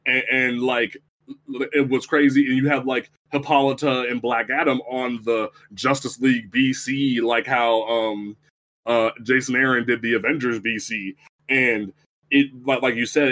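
A man in easy podcast conversation, his voice sitting at an ordinary middle pitch. He rambles and circles back, leaning on fillers and restarting his sentences as he thinks aloud. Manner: rambling, many fillers and restarts, animated asides. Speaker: podcast co-host. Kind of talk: casual chat.

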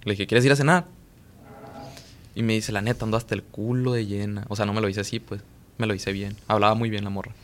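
A man's voice: on the low side, little pitch movement, quick pace. A young man with a Mexican Spanish accent, casually telling a long, profane story on a podcast and acting out the lines of the people in it. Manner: slangy, profane, rambling, quotes himself and others. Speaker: podcast co-host.

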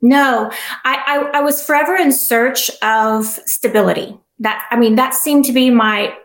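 Earnest and reflective, a middle-aged interview guest with a soft, fairly high voice tells her own story a little slowly, often restarting her sentences. The recording carries noticeable reverb.

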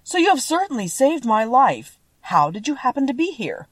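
A woman voicing a polite, mournful man made of rusty tin, speaking in a slow, earnest, drawn-out way for a storybook. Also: high-pitched, very animated, dry recording, studio quality, pitched above the performer's own voice. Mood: relieved, grateful.

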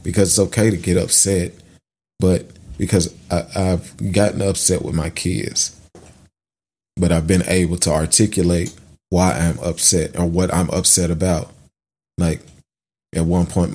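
Middle-aged male podcast host, very low voice, earnest and reflective, halting delivery. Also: warm tone. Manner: earnest, thoughtful, halting with fillers and restarts. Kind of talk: reflective personal monologue.

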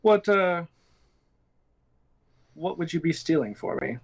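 A man's voice: fairly high pitch, expressive, takes it slowly, creaky, voice pushed up, heavily acted. A man voicing a haughty female club owner who bargains coolly in a tabletop game. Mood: cool, skeptical.

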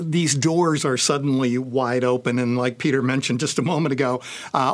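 A man speaking as a panelist in a discussion, hesitant, with many fillers and restarts. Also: medium pitch. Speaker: panelist on insurance analytics.

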